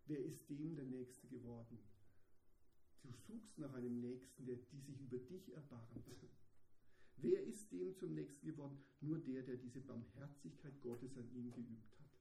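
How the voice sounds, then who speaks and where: A man preaching a sermon, dropping into quiet asides and rising to emphatic points. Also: mid-range voice, a little slow, vocal fry, slight background noise. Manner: swings between hushed asides and emphatic raised passages. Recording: echoey room.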